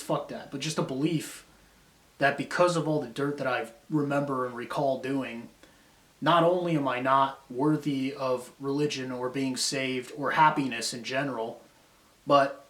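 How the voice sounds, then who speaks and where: A man's voice: mid-range voice, a bit bright. Man ranting in a roomy echo. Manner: profane, drifting, philosophical ranting. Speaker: vlogger. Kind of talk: rambling self-critical monologue.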